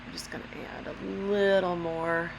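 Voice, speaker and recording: A woman with a deep, gravelly voice demonstrates a craft step by step in a casual way, slow and careful, apologizing here and there. Her voice sounds allergy-affected, with occasional throat clearing. A steady hum and a lawnmower can be heard behind her.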